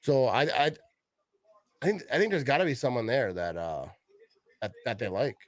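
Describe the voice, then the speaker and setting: A man hosting a casual live draft stream, talking in an easygoing, halting way and greeting viewers. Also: medium pitch, very animated, no echo.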